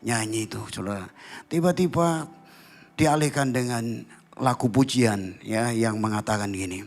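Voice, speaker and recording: A middle-aged man, a pastor preaching a sermon and telling stories in a lively way, sometimes singing lines of worship songs. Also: medium pitch, unhurried. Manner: animated storytelling, voices God's words, breaks into song. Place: church hall.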